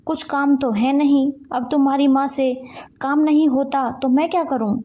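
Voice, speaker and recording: A woman's voice: fairly high pitch, measured pace, warm tone. A woman voicing a lazy, irritable young wife who grumbles and waves off her family. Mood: irritated. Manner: grumbling, dismissive.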